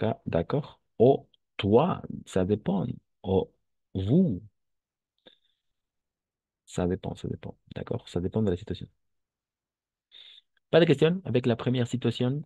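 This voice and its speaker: Deep, slow-speaking male French teacher. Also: warm tone, slightly rough, dry recording, highs cut off. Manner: patient, repeats and checks understanding. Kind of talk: online French lesson for Spanish speakers.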